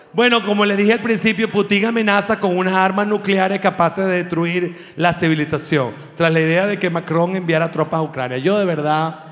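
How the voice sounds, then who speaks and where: A Venezuelan comedian man riffs through a stand-up monologue in an animated, profane style and keeps leaping into mock voices. His voice sits fairly high for a man. The sound carries a long, reverberant hall tail. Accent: Venezuelan Spanish. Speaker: comedian host.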